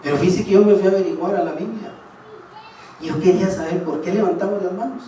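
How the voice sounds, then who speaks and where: A man preaching a sermon, fairly high-pitched and emphatic, talking straight to his congregation. His voice rings through a very echoey hall, caught from some distance with faint room ambience behind it. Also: quick pace, warm tone, a little hiss or hum. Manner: emphatic, speaks to the congregation directly. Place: church hall.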